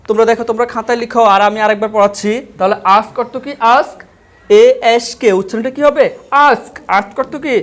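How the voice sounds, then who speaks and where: Spelling out every word one letter at a time, a high-pitched male teacher leads a vocabulary lesson online and keeps asking how each is pronounced and what it means.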